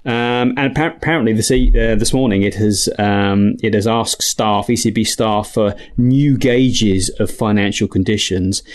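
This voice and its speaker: A man giving unscripted expert market commentary as an interviewed strategist, often halting and restarting his phrases. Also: on the low side.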